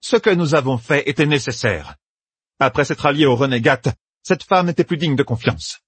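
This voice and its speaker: A commanding woman with a firm, imperious tone, as a man puts her on. The voice is lifted in pitch yet stays husky and breathy, dry and close. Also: huge pitch swings, normal speed, dry recording, full character voice.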